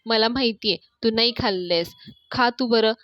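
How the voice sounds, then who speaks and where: A woman's voice: fairly high pitch, moderate pace, no room sound, muffled recording, natural voice. A woman reading the lines of a stubborn young woman in love, insistent and teasing.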